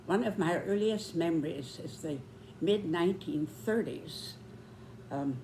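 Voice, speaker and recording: A woman in her nineties giving reflective spoken commentary, with deliberate, measured phrasing and pauses. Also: on the low side, dark tone, slight background noise. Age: 90s.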